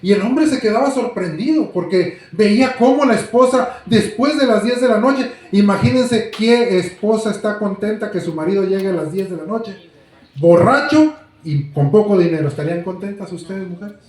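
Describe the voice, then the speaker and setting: A man's voice: high-pitched, animated, moderate pace, a little mellow. Echoey male preacher. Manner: dramatic, addresses the congregation with questions. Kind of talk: sermon storytelling. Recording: very echoey room.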